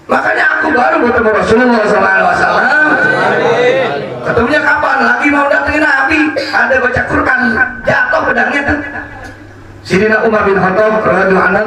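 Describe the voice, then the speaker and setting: A man's voice: very high voice, very noisy. A man preacher giving a sermon, telling stories with humorous asides. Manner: animated storytelling with humorous asides. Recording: echoey hall from far off with crowd.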